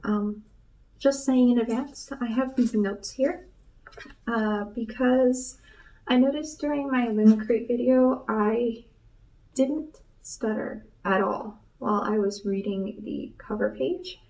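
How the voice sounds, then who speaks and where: A woman's voice: fairly high pitch, slow, mellow. A young American woman chatting casually as a video host, keeping her voice down in a library study room, slightly muffled by a mask and picked up by a camera across the table. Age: young adult. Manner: voice kept down for a library, not whispered. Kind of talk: casual vlog chat. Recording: voice picked up from a distance.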